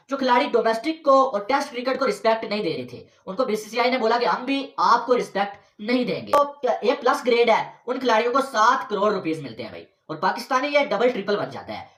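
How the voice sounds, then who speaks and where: A woman's voice: fairly high pitch, echoey room, far from the mic. A woman presenting a cricket news report, explaining it in a conversational way.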